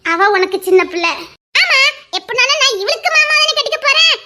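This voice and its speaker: A woman playing a loud, shrill, teasing village girl. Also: very animated, noisy background. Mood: playful. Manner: teasing, loud, quick bickering with laughs. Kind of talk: village audio drama banter.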